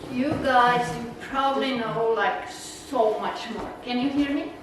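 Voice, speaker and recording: A woman from the Czech Republic, speaking with a Czech accent, gives a naturalist club a casual, rambling slide talk in a meeting room, chatty and full of fillers and laughs. Her voice is a little high and unhurried. The room is echoey and noisy, and she sounds far off.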